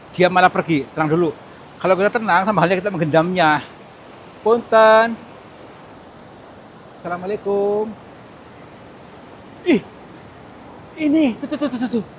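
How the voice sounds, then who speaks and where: A man doing hushed ghost-hunting commentary outdoors, nervous and pleading, repeating words over and over. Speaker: mystic vlogger. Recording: loud rumbling background noise.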